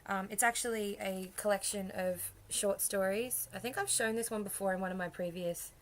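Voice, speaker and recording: A woman's voice: mid-range voice, moderate pace. A young woman with an Australian accent, chatting casually in a rambling, self-deprecating way. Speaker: vlogger. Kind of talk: casual chat.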